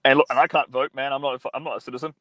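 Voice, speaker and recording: Reading out viewer comments on his livestream, a young male host talks at a racing pace in a medium-pitched, level, sharp voice. His chat is casual, blunt and profane, rambling with lots of fillers, captured on a phone mic with a very dry, close sound and no room sound.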